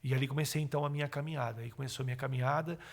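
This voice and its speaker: Appearing on a podcast, a middle-aged man recounts his testimony, voicing his own lines and other people's with animation. His mid-range voice moves very fast.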